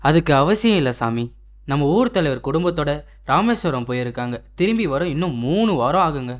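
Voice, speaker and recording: A man putting on a plain, respectful village ferryman in a cartoon. He talks fast in a Tamil accent. The voice sounds a little distant. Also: fairly high pitch, very animated. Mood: matter-of-fact. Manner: respectful, matter-of-fact. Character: plain male village ferryman, matter-of-fact.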